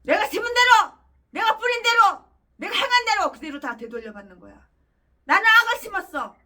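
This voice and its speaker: Woman pastor, fiery sermon, angry profane ranting, high voice, wildly swinging pitch, voice away from the mic. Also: animated, fairly quick, sharp tone, far from the mic.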